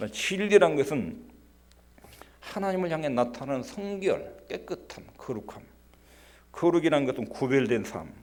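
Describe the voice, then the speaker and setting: A male pastor giving a Sunday sermon in earnest. He acts out prayers in a quieter voice and leans hard on key words. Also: mid-range voice. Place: church sanctuary.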